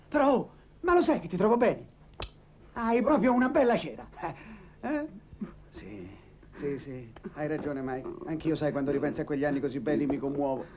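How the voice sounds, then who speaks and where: A man's voice: sits high, darkish tone. A talkative italian man, ironic, coaxing, voice going up and down a lot, dull old film audio. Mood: delighted. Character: chatty Italian man in Milan, comforting old friend. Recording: dull 1980s film soundtrack, faint hiss.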